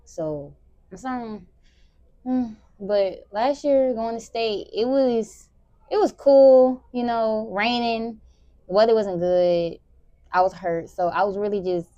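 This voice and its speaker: A teenage girl, a high school sprinter answering interview questions in a relaxed, rambling way. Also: slow pace, no echo, dull audio. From Memphis, Tennessee. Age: teens. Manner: relaxed, rambling, many "like" fillers.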